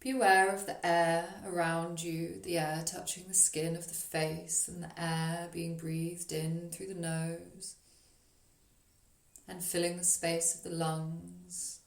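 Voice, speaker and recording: With a fairly low, gravelly voice that barely moves in pitch, a woman teaching yoga nidra leads a guided meditation. She is soothing, gentle and unhurried, pausing at length, and her voice carries a roomy echo.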